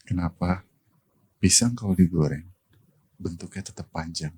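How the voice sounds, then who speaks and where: Deep, murmuring man telling dad jokes, Jakarta accent. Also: normal speed, darkish tone, husky, no echo. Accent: Jakarta Indonesian. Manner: plain, casual dad-joke telling. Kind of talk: ASMR joke-telling among friends.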